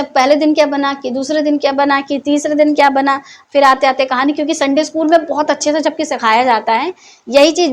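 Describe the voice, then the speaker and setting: A woman with a high voice teaching the Bible in a chatty, informal way. She keeps throwing questions at her listeners and answers them herself. Her tone is that of a teacher gently scolding the class. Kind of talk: Hindi Bible teaching talk.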